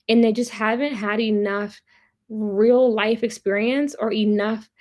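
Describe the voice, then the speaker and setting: A woman with a darkish, high-leaning voice hosts a casual pop culture commentary livestream, chatting with viewers. She's blunt, opinionated and profane, repeating points for emphasis.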